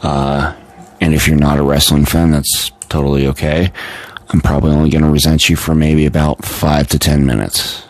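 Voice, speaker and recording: A tired man chatting casually on a live stream, rambling with many fillers and restarts. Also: very deep voice. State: tired and yawning.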